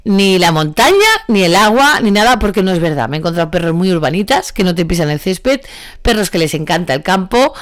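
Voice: mid-range voice, lively intonation, fairly quick, dry recording, studio quality. A dog trainer with a Spain Spanish accent giving casual spoken advice to a student, chatty and thinking aloud, often correcting itself.

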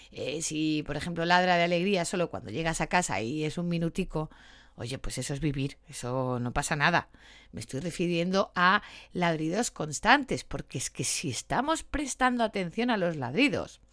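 A woman dog trainer explaining dog behavior in a casual, lively way, now and then acting out short quoted lines. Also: fairly low pitch, no echo, studio quality. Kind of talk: casual educational talk.

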